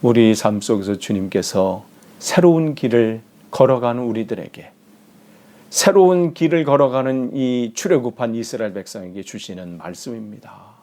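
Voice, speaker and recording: A man's voice: mid-range voice, normal speed. A man preaching a sermon as pastor, telling a story with rising emphasis and sometimes dropping to a whisper. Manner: animated storytelling, dropping to whispers for quoted lines.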